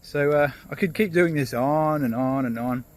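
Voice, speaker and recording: A man's voice: a little high, moderate pace. Laid-back man telling a story outdoors. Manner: relaxed, loose, with fillers and restarts. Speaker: motivational vlogger. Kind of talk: casual storytelling vlog. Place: outdoors on a walk.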